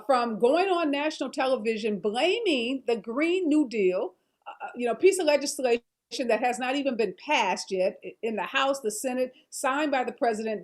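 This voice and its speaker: An American woman hosting a news-style talk show, presenting reports and questioning guests. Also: high-pitched. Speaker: host. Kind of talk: scripted news-style narration and panel hosting.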